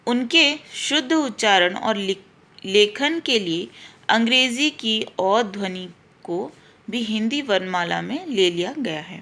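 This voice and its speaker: An Indian woman teacher with a fairly bright, rather high voice gives schoolchildren a patient grammar lesson. She spells out letters one at a time and repeats her explanations.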